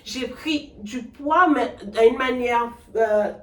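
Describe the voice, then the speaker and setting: A woman's voice: a little high, takes it slowly. A young woman from the French Antilles with a Caribbean French accent, co-hosting a talk show and giving casual advice, laughing often and restarting her sentences. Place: living room, on a sofa. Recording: echoey room, mic far off.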